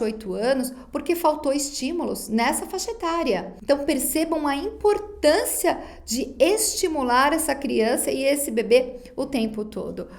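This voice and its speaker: Woman lecturer, high voice, didactic, talks straight to her students, recorded online class. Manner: didactic, addresses students directly, acts out parents' baby talk. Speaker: psychology lecturer.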